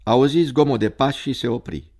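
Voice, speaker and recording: A man narrating a story in a measured, dramatic reading. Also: medium pitch, darkish tone.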